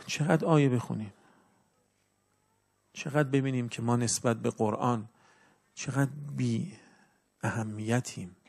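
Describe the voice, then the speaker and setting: A man preaching a religious sermon in an earnest, instructive way, with his loudness swinging up and down. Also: mid-range voice, gravelly.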